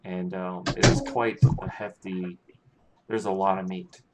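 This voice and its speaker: A man narrating a tabletop game as game master, halting and full of restarts. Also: low-pitched, little pitch movement. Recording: noisy with clicking.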